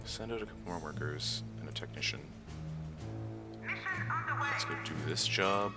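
A man's voice: low-pitched, huge pitch swings, moderate pace. A young man commentating his gameplay, rambling and thinking aloud with a chuckle. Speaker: let's play host. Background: game music.

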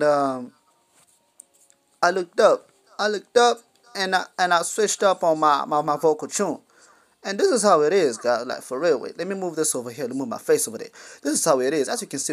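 A young man talks through a music production tutorial in a loose, rambling way, full of fillers and slang. His voice sits a bit high for a man. It sounds recorded at home on a phone. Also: lively intonation, fairly quick, a bit bright. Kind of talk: casual screen-recorded tutorial.

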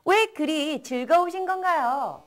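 A young woman teaches English, her voice high and swinging widely in pitch. She reads each example sentence slowly and clearly so learners can repeat it. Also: lively intonation, a bit bright. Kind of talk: bilingual English lesson.

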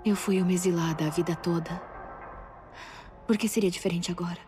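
An actress playing a searching, determined young outcast huntress in a video game, questioning and intense. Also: female voice, fairly low pitch, fairly even intonation, a little fast, music in the background, natural voice.

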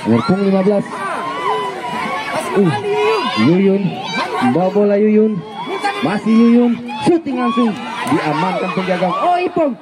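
Excitable male futsal commentator, high-pitched. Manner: excitable, shouts drawn-out names and goal calls. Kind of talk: live sports commentary. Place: outdoor village futsal court. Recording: noisy outdoor court, crowd behind. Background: spectator crowd noise.

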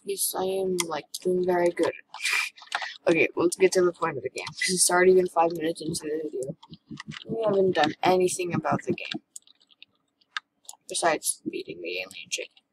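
A woman's voice: fairly low pitch, big pitch swings, moderate pace, creaky, long pauses. Young girl chattering over gameplay. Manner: chatty, thinking aloud while playing. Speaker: gaming channel host. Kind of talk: casual gameplay commentary. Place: indoors at a computer. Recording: noisy home recording with keyboard clicks.

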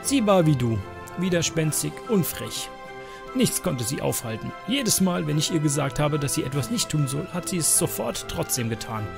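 A man's voice: on the high side, very animated, normal speed, vocal fry, music in the background, voice pushed up. A man voicing a stern, protective old woman elder from a game, reading her lines in a lecturing, firm tone. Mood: amused.

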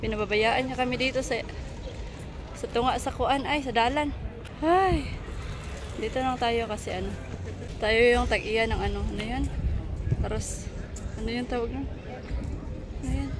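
A woman's voice: fairly high pitch, normal speed, long pauses, music in the background. A woman in her thirties with a Filipino accent, chatting and giggling as she vlogs while walking, mixing Tagalog, Cebuano and English, filmed on a selfie camera held at arm's length. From Philippines. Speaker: travel vlogger. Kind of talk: casual travel vlog. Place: outdoor city square on a sunny day. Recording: loud street noise behind.

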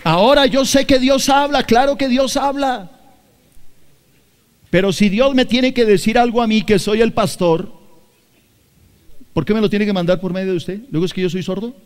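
A man's voice: sits high, steady tone, moderate pace, long pauses, clear, resonant tone. A man from Colombia with a Bogotá accent, preaching a sermon emphatically to his congregation, repeating phrases and addressing them directly. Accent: Colombian Spanish, Bogotá. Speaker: pastor.

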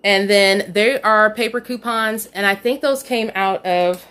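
A woman with a mid-range, clear, resonant voice, a bit bright and measured in pace, shows off her store haul at home on a phone camera while staying off screen. The couponing vlogger is chatty and scolds herself a little over a coupon she missed.

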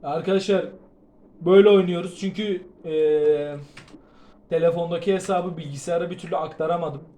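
A man giving gameplay commentary, excitable and prone to panicked shouting, tired from fasting, with a sore throat. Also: fairly high pitch. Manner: excitable, shouts and yelps in panic, then drops to muttering. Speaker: gaming video creator.

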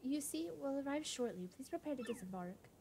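A woman voicing a fussy, overly polite ship sailor in a hushed, deferential, formal way. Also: sits high, lively intonation, fairly quick, slight background noise.

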